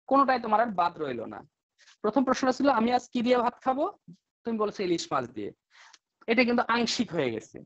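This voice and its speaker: A male English teacher lectures an online class, coaxing students with rhetorical questions and slowing down to spell out example sentences. His voice is high-pitched and the recording is dry, with dull lo-fi online class audio.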